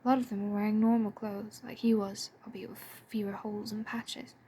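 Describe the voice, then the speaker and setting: A woman reading a story aloud in a soft, breathy and hushed way. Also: mid-range voice, little pitch movement, a little fast. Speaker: fan audiobook reader. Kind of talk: storybook narration.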